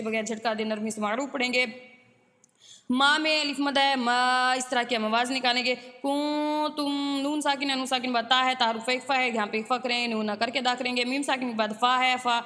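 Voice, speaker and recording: Woman, Quran teacher, tajweed lesson, high voice, slow drawn-out recitation then brisk explanation, long reverb. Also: sharp tone.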